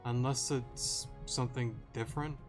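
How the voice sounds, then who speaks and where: Young guy narrating his game run, rambly and unsure, mid pitch, quiet game music behind. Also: fairly even intonation, normal speed. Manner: rambling, hesitant, many ums and self-corrections. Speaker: let's play gamer. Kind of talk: casual gameplay commentary. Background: faint game music.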